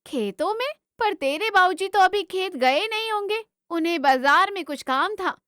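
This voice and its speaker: A woman voicing a worried, loving village mother in a cartoon, asking anxious, high questions. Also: lively intonation, normal speed, pushed and bright, no echo, clean studio sound, heavily acted.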